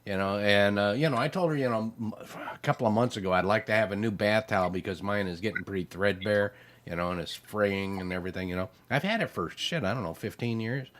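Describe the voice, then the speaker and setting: A middle-aged man hosting a relaxed live chat show. He rambles along in an easygoing way, full of fillers, and drops dry jokes about himself. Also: fairly low pitch, quick pace. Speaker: show host. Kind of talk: casual chat.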